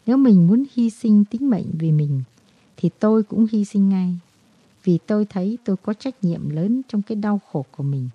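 A woman's voice: mid-range voice, lively intonation, moderate pace, slightly rough, no echo. A woman reading the lines of a young married woman torn between duty and love, lamenting and tearful. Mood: anguished. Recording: dull, dry lo-fi recording.

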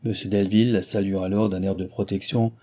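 Male audiobook reader, measured classic narration, dark and husky. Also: deep voice, flat delivery. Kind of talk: scripted novel narration.

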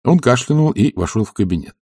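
A man reading an audiobook in a measured, expressive narration. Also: medium pitch, husky, no echo, studio quality. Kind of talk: scripted narration.

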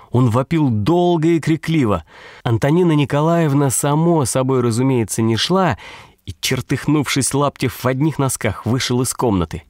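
A man narrating a story as an audiobook, in a wry, ironic tone. His voice sits at a middling pitch. The sound is dry and close, with no room around it. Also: darkish tone, no room sound. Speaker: audiobook reader.

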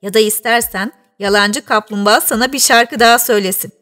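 A woman's voice: on the high side, a little fast, a bit bright, lightly acted. A woman doing a bossy gryphon. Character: bossy, brisk gryphon creature.

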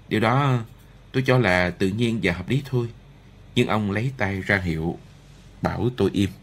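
A man reading a novel aloud in the first person, in a measured, steady way. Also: lowish voice. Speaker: audiobook narrator.

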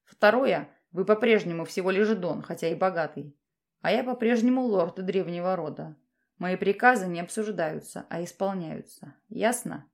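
A woman reading aloud puts on a proud male commander from a romantic fantasy audiobook. His voice sits low and quiet, gentle in affection and firm and curt when he commands. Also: moderate pace, creaky. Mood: stern. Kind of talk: audiobook character voice.

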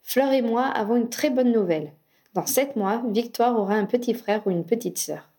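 Woman voicing a cheerful proud young dad making an announcement, mellow audiobook read. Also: a little high, moderate pace, natural voice.

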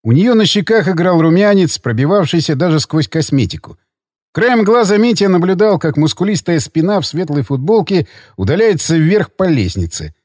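A man narrating an audiobook thriller in a dramatic, expressive storytelling manner. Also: sits high, normal speed, no room sound, studio quality. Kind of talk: scripted narration.

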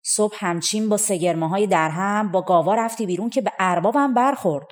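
A woman's voice: medium pitch, close to an everyday voice. A fussy farm steward from a storybook folk tale, prying and then fretting about money, as a woman reads him. He talks in little exclamations. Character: fussy male farm steward, stingy but chatty.

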